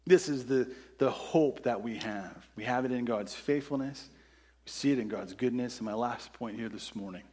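A man's voice: medium pitch, normal speed, darkish tone, breathy edge. A man preaching a sermon in a church, reading scripture and asking the congregation earnest rhetorical questions. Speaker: pastor. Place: church sanctuary.

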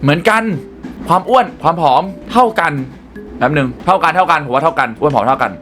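A young man hosting a gaming channel, excitedly commenting on a puzzle game and talking to his viewers. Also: a little high, fast talker, soft background music. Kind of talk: let's play commentary.

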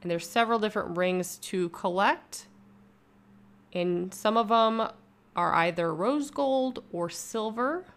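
Taking it slowly at medium pitch, a young woman who vlogs on YouTube gives a cheerful, talkative voice-over review of a bath product. She records casually from home, sounding enthusiastic.

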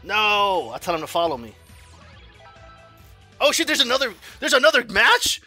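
A man giving live commentary on his own fighting game match, excitable, swearing and trash-talking. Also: high voice, normal speed, soft background music. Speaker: gaming streamer.

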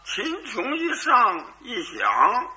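Lively man telling a crosstalk story. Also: extremely high pitch, very slow. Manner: lively storytelling that switches into character voices. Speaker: crosstalk lead performer.

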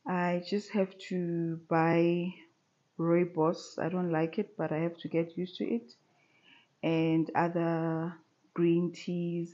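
A woman in her thirties vlogging casually from a living room sofa, talking in a relaxed, chatty way with many pauses. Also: fairly low pitch, muffled recording. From South Africa. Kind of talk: casual chat to camera. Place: bright living room at home, seated on a sofa.

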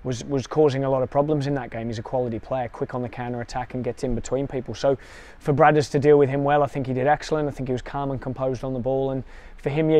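A man in his thirties, a football coach, answering questions in a post-match interview outdoors by the pitch, measured and quick with small restarts. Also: dark tone.

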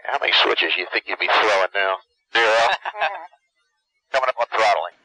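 Sharp-voiced astronaut, terse radio callouts. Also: male voice, fairly low pitch, quick pace. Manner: terse, procedural. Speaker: astronaut crew member on radio. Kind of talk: clipped cockpit radio callouts. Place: cramped spacecraft cockpit. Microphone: helmet headset. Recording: noisy radio headset intercom with clicks.

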